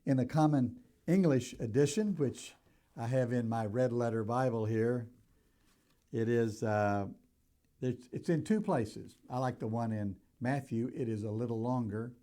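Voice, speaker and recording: An older man preaching a sermon in a deliberate, emphatic way, stressing key words as he teaches. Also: medium pitch, dark tone. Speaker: pastor.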